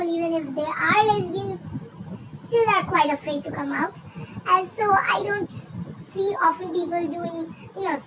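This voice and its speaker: A host whose voice has been run through a pitch-raising filter, making her sound squeaky and chipmunk-like, rambles informally while reading and reacting to online posts. The recording is very noisy.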